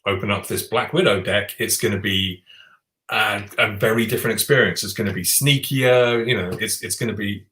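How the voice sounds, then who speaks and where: A man's voice: fairly low pitch, fairly quick, fairly bright tone. A man co-hosting a podcast, chatting enthusiastically about board games with lots of restarts. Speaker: podcast co-host. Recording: roomy echo.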